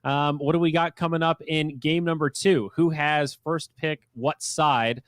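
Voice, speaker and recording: A man casting a live esports match, talking quickly with animated, playfully sarcastic energy. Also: on the high side, no echo, clean studio sound. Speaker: esports caster.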